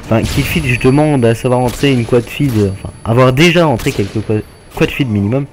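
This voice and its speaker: A man casually commenting on his own gameplay, hesitant with many filler pauses and a laid-back, jokey manner. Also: medium pitch, soft background music. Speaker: gaming channel host. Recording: game gunfire noise underneath. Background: video game gunfire.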